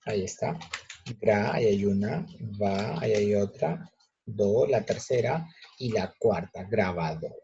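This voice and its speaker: A male teacher patiently explaining a grammar lesson step by step, checking in with students with quick questions. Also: on the low side, animated, gravelly, mellow, a little hiss or hum. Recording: muffled lo-fi recording.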